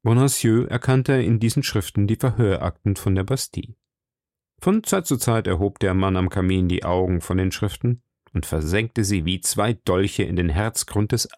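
A man reading a classic novel aloud as an audiobook narrator, in a measured, steady way. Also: lowish voice, dry recording, studio quality. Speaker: audiobook reader. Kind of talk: scripted narration.

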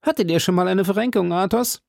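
A man reading an audiobook voices a boisterous, hearty nobleman with a big appetite, speaking jovially and raising his voice high. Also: fast, creaky, a little mellow, no echo, clean studio sound. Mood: jovial boasting. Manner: booming, raised high, jovial.

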